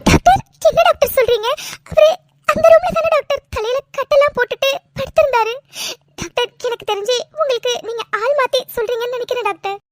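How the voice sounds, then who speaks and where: A woman's voice: very high-pitched, quick pace, no room sound, faint music behind. A woman voicing a young cartoon woman who is fiercely devoted to her sweetheart and talks in a pleading, scolding way. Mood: worried. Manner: pleading, then scolding and tearful. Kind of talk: cartoon voice acting. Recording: noisy recording.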